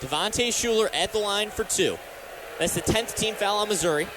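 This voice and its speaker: High-pitched and at normal speed, this American man delivers live basketball play-by-play from courtside as a radio announcer and sports talk host. The live arena broadcast carries faint background noise.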